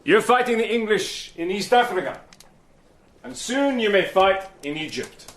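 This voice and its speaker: Serving as both narrator and lead character, a male actor voices a cool, persuasive British agent in a radio drama, speaking in the first person. His voice sits high, and his delivery is calm and measured.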